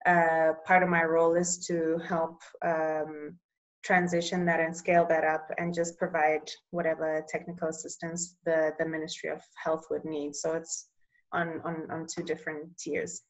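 A young woman from Eswatini who works in public health and speaks Bulgarian as her first language is interviewed over a video call. Her deep voice is completely flat and measured, often pausing while she searches for words, and the audio is poor.

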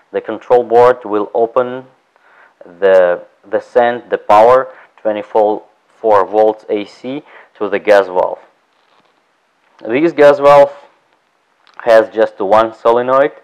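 Slow, halting male furnace instructor. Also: lowish voice, smooth, dull audio. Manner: halting, searches for words, frequent restarts. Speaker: HVAC technician instructor. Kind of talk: hands-on technical demonstration. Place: indoor training room beside an open furnace. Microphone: headset mic.

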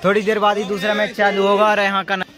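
A young adult man from rural India vlogs outdoors, chatting casually to the camera and calling his viewers brothers. His voice is high, fast and monotone, captured on a phone held at arm's length. The outdoor recording among village fields and a tented cricket ground is noisy.

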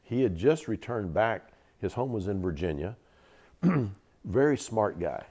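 An expressive, unhurried Southern voice, lowish, husky and a little mellow, belongs to a veteran in his seventies from Georgia, USA. In this storytelling interview he relates his experiences vividly, doubling up words for emphasis.

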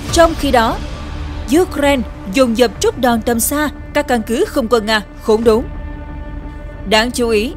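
Woman reading news over faint music. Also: a little high. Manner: formal, measured newsreader delivery. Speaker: news presenter. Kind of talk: scripted news narration.

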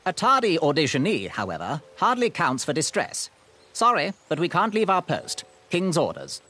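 A man's voice: normal speed, exaggerated voice. An actor playing a pompous, rule-quoting male royal guard in a video game who talks in an officious way. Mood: stern. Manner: officious, cites decrees, lively pitch.

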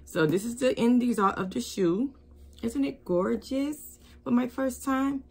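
A woman with a fairly high, slightly raspy, a little mellow voice speaks at a measured pace while showing how she decorates shoes. Chatty and casual, she talks to her viewers as "y'all" from a craft studio with sewing and embroidery machines, with a camera over the worktable capturing her.

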